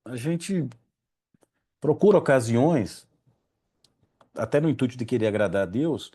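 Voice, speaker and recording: A man's voice: mid-range voice, expressive, measured pace, warm tone, husky. A man leading an informal religious study group, often stopping to correct himself and admitting he struggles to pronounce Hebrew names. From Brazil.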